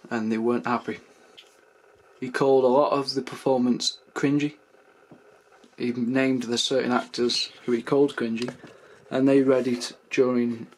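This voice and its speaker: A young man from England, talking casually to his camera in a rambling vlog rant. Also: medium pitch. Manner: chatty, rambling, acts out drunk anecdotes in raised voices. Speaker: vlogger. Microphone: camera mic.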